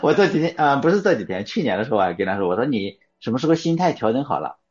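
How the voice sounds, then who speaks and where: A man's voice: medium pitch, sing-song, very fast. A man hosting a casual chat, often repeating his words and phrases as he goes. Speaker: host of a casual talk show. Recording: dull lo-fi audio, faint music behind.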